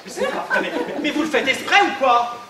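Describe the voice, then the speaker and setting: A man's voice: very high-pitched, sing-song, brisk, noisy background. Stammery bossy guy in a play, far off in a roomy theatre. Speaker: stage actor playing a flustered businessman. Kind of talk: amateur stage comedy. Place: theatre stage. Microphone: far room mic. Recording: echoey stage from far off, audience.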